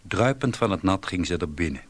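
A man reading a story aloud in a slow, deliberate, wry way. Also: deep voice, lively intonation. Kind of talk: scripted story narration.

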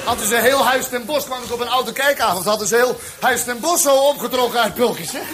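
A man's voice: very high-pitched, fairly quick, a crowd in the background. A man performing a rambling, absurd cabaret monologue on stage, full of hesitant fillers. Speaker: stand-up comedian. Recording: live recording with audience and background noise.

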